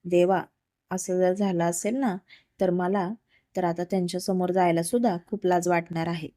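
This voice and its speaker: A woman reading the lines of a shy, dutiful young wife who speaks gently and respectfully to her husband, in a low, mellow voice. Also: level tone, moderate pace, no room sound, studio quality, close to an everyday voice. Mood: wondering. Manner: gentle, deferential.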